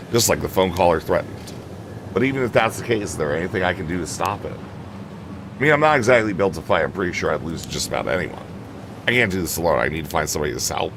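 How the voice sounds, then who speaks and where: A man's voice: low voice, animated, fast talker, background noise. A man reading out the lines of a frightened young woman caught in a curse on an island, in his own plain voice over game music. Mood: anxious. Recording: game music playing behind.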